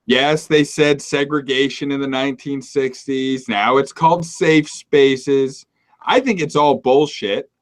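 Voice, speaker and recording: A man from Maine co-hosting a casual political talk show. He rants in a joking, sarcastic way. His voice sits at an ordinary middle pitch. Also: a little slow. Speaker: podcast co-host.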